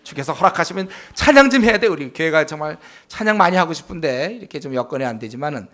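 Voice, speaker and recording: High-voiced emphatic male pastor. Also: lively intonation, fast talker, a bit bright. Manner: emphatic, rhetorical questions, frequent affirming "yes". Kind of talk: Bible study sermon.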